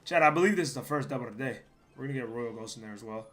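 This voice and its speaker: This young man talks very fast in a medium-pitched voice gone hoarse from losing it. Streaming his game, he offers loose, foul-mouthed commentary, rambles in the gaps between plays, and sometimes lets out loud yells.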